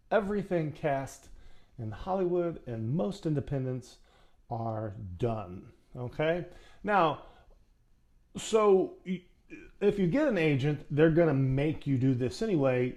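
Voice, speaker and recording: Lively chatty man giving acting tips. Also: a little high. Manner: chatty, folksy, addresses viewer directly. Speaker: acting coach. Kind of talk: casual how-to talk.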